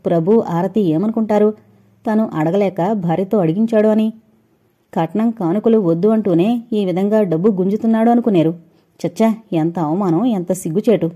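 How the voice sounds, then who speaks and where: Mellow-voiced woman narrating a story. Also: medium pitch, slightly rough, dull audio. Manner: steady storytelling reading. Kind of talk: scripted audio novel narration.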